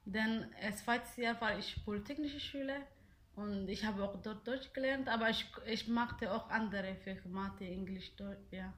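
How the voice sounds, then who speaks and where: A woman's voice: mid-range voice, normal speed, fairly bright tone. Hesitant young woman. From Somalia. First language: Somali. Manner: hesitant, many fillers and restarts. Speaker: interviewee. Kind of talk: casual interview answers.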